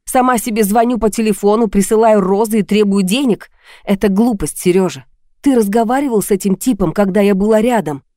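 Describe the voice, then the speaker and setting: A woman's voice: mid-range voice, a little fast, warm tone, dry recording, studio quality, natural voice. A woman reading an audiobook, voicing a tired young widow who speaks in a restrained way. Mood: weary. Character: weary frightened young widow.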